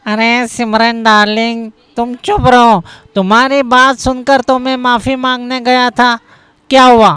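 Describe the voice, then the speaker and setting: A voice actor plays a hot-headed young cartoon husband who blusters and threatens revenge. The voice is smooth, mid-pitched and dry. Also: level tone, unhurried, a bit bright, no room sound, natural voice. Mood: raging. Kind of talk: cartoon voice acting.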